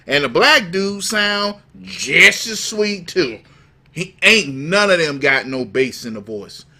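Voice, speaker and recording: Slow-talking man with a bright voice, mocking. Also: a little high, lively intonation. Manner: mocking, folksy, talks to his viewers. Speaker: livestream commentary host. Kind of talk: casual commentary over news clips.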